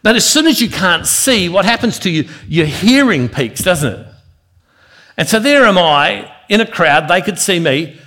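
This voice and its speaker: A man's voice: a little high, a bit bright. Earnest man preaching a devotional sermon. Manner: earnest, repeats words as he builds a point. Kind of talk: devotional sermon with personal storytelling.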